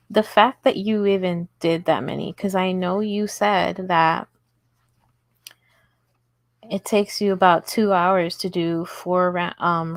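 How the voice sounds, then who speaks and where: A woman with a lowish, creaky voice hosts a casual crochet livestream from her table at home, recorded without echo. Chatty and giggly, she talks to her viewers in chat while she works.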